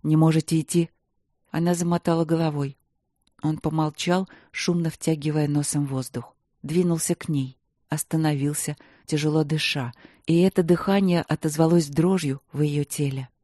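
Mellow, dry audiobook narrator. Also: mid-range voice, steady tone, moderate pace, dry recording.

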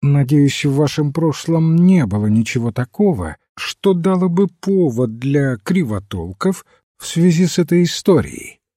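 A small, calm, polite priest, as a man reads him in an audiobook. He speaks in a measured and husky way. The recording is dry and close. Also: a little high, no echo, voice pushed up, heavily acted.

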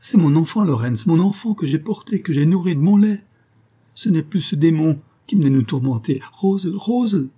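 A man's voice: medium pitch, moderate pace, warm tone, slightly rough. A man reading an audiobook, voicing a frantic old woman innkeeper who pleads between sobs. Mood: desperate. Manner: pleading, sobbing outbursts.

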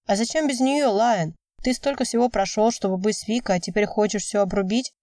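A woman's voice: mid-range voice, fairly quick, dark tone, no echo, clean studio sound, distant mic, lightly acted. A woman voicing a blunt young man urging his heartbroken friend in an audiobook.

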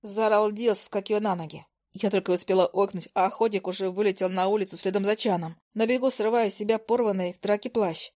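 A woman narrates a first-person fantasy audiobook at a mid pitch, reading briskly and expressively. Her voice carries the action lively and clear, with steady storytelling energy.

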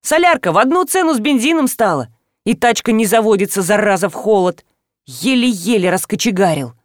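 A woman's voice: medium pitch, expressive, fairly quick, dry recording, clean studio sound, lightly acted. Woman voicing a grumbling male forensic expert. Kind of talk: audiobook reading.

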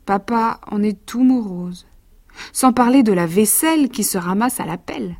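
A woman with a medium-pitched voice, speaking at a moderate pace, reads rhymed children's stories aloud with a lively rhythm. She is an actress, and between readings she recalls the stories in a quieter tone.

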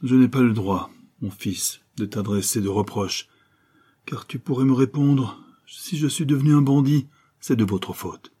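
A man voicing an aging former convict turned miller, speaking to his lost son in a low, muffled, breathless voice full of grief. The tone is dark and husky, and it rises into anguished pleas. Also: measured pace. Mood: bitter sorrow. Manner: hoarse, breathless, emotional pleading. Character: old male ex-convict miller, grieving father.

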